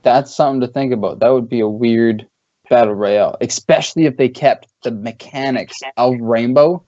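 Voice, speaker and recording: A man's voice: mid-range voice, normal speed, dark tone, no room sound. Profane, loose-talking man on a dull stream. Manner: loose, profane, mimics friends. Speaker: podcast host. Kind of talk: casual gaming chat.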